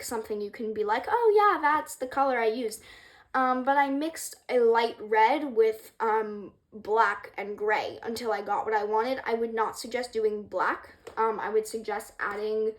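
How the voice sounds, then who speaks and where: A young woman casually explaining a craft project, rambling and hesitant with many ums, apologizing for her stuttering, in a room with a wooden floor. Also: on the high side. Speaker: craft creator. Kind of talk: casual tutorial vlog.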